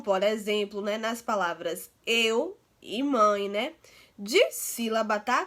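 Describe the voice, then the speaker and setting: Bright, chatty Brazilian teacher woman. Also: medium pitch. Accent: Brazilian Portuguese. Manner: affectionate, tags nearly every phrase with "né" and "tá"; slows to stretch out words and syllables. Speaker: primary school teacher. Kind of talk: recorded Portuguese grammar lesson for children.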